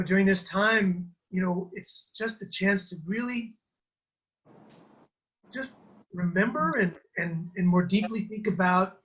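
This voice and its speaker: A man's voice: high-pitched, fairly bright tone, highs cut off. A man who sits on a board opening an event with a welcome and blessing over a video call, earnest and full of fillers. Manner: earnest, with frequent fillers and restarts.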